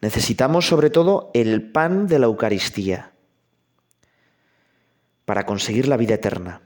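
A priest preaching a conversational sermon, speaking directly to the listener with questions and anecdotes. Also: male voice, mid-range voice, normal speed, darkish tone.

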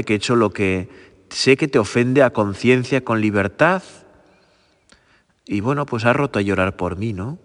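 A man giving a gentle, prayerful sermon, often repeating phrases and asking his listeners for agreement. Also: on the low side, long reverb tail. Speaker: priest. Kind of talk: meditative sermon.

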